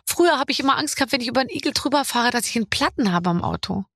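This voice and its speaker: Middle-aged woman, podcast host, joking and chatty, kinda high, dry sound. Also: expressive, rapid-fire, a bit bright, slightly rough, no room sound. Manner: chatty, joking, laughs often. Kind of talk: casual chat.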